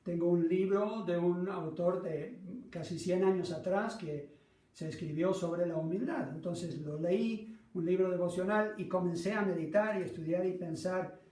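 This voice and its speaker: A middle-aged pastor from Argentina, raised by North American parents and speaking with a Latin American Spanish accent, preaches a sermon built on personal anecdotes in an earnest, self-deprecating way. His voice is high, warm and steady at a measured pace. A distant microphone gives the audio a roomy echo.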